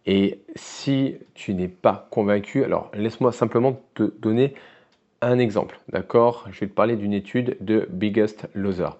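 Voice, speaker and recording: A French-accented man speaks as a weight-loss coach, talking straight to his viewer in a relaxed, conversational way and checking in with a steady "d'accord?". His voice sits on the low side with a mellow, warm tone. The recording is a little muffled. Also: moderate pace. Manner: casual, addresses viewer directly with frequent "d'accord?". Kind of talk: direct-to-camera coaching talk.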